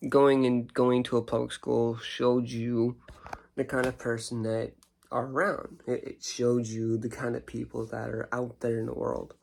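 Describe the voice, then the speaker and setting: A man's voice: mid-range voice, little pitch movement, unhurried, creaky, a little mellow. A tired young man yawning as he rambles through a casual story on his vlog. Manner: rambling, restarts sentences. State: sleepy, yawning. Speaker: YouTuber.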